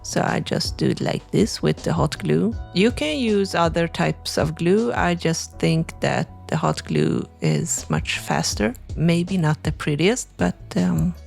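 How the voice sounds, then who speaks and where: In this craft tutorial, the host is a young woman from Sweden with a gravelly, somewhat low voice. She takes her time, talking casually and peppering her explanations with "like" and "you know," while faint music runs underneath.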